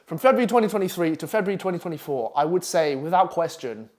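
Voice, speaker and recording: A brash, fast-talking copywriting coach from Essex, England, presents an online masterclass from a London flat. His Essex English voice is fairly high, expressive, and a little mellow, and his manner is profane and pushy.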